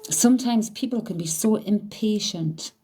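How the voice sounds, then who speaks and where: A woman, giving a medium's spirit reading in a chatty, halting way, often hedging with "I feel". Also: medium pitch, dark tone, slightly rough.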